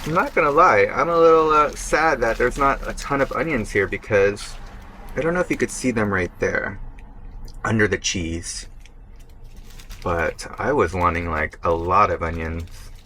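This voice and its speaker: A man's voice: lowish voice, normal speed, pushed and bright, slight background noise. A young man vlogging casually while eating, chatting between bites and sometimes talking with his mouth full. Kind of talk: casual vlog talk to camera while eating. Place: burger restaurant.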